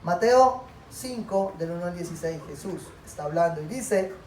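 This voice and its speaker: A man's voice: high voice, expressive, moderate pace, a little mellow, a little hiss or hum. A man preaching a sermon as pastor, asking the congregation questions and answering them himself. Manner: call-and-response questions to the congregation. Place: church hall. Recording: echoey hall, voice from far off.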